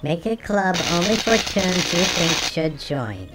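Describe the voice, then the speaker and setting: A game streamer talking through a voice changer that shifts the pitch, chatting casually with viewers while playing. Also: big pitch swings, measured pace, loud music behind the voice, low-quality recording. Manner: chatty, talks to chat between game actions. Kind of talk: casual let's-play chat with viewers.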